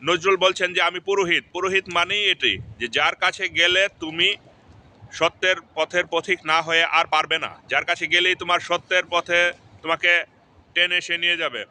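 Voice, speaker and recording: A man explaining a poem to his viewers, telling a parable in a measured storytelling way with small fillers and restarts. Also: high voice, steady tone, pushed and bright, slight background noise. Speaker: poetry lecturer.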